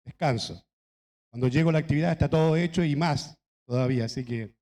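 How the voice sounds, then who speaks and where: Chilean-born pastor in an echoing church. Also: male voice, a little high, dark tone. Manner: conversational storytelling with laughs and asides. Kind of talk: anniversary sermon with anecdotes. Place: church hall.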